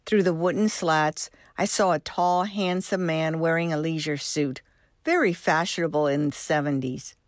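A woman in her sixties from Cuba reads her own love story aloud in a gentle, measured manner. Her voice sits low for a woman, and the recording is very dry and close. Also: no echo. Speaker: host and storyteller. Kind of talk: reading a personal memoir.

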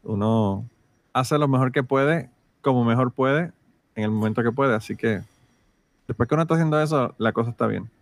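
A man's voice: mid-range voice, no room sound. Podcast co-host, man, jokey and rambling; dry, no room sound. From Puerto Rico. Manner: joking, rambling, drawn-out asides. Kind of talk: casual podcast banter.

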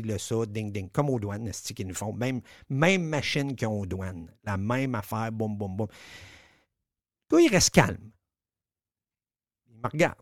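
A lowish male voice with a Quebec French accent, spinning a story in casual radio chat. He's animated, swears freely and acts out every bit of dialogue. The studio sound is dry and close. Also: no echo. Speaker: radio show regular telling a story.

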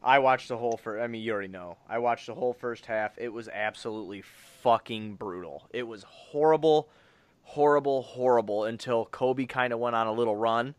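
A man hosts a casual sports podcast. He talks bluntly in slang with plenty of swearing, at an average pitch, in a very dry recording. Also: fairly quick, clear, resonant tone, dry recording. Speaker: podcast host.

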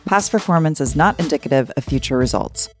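A man reading a scripted legal disclaimer quickly and formally, as an announcer. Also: a little high, lively intonation, soft background music. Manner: rapid, formal read-out.

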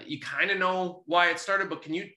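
A man's voice: high-pitched, fairly quick, bright, forceful tone. A man hosting a podcast, asking rambling interview questions and repeating words as he goes. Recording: roomy echo.

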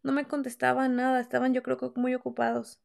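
A woman's voice: sits high, level tone, brisk, vocal fry. A young woman with a Mexican accent hosting a podcast, telling a personal story in candid, slangy, profane casual chat. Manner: candid, slangy and profane, acts out quoted lines. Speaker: podcast host.

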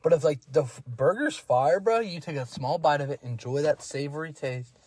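A man's voice: on the high side, moderate pace, darkish tone, husky, no echo. A man in his twenties hosting a podcast with friends, joking and slangy in casual chat. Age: 20s. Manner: joking, laid-back, slangy. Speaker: podcast host.

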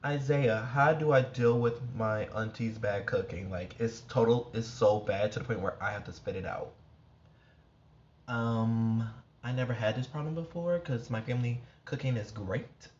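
A man's voice: mid-range voice, moderate pace. Sassy young guy doing a chatty podcast, kinda muffled lo-fi audio. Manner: animated and sassy, laughs often. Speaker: podcast host. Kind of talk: casual chat podcast.

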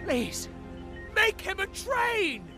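Cartoon role: sentimental station boss, insistent and melodramatic, slow delivery with big pitch swings. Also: male voice, sing-song, gravelly, music in the background, full character voice. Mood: intense, pleading. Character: desperate, stubborn, sentimental railway station boss. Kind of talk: animated comedy sketch acting.

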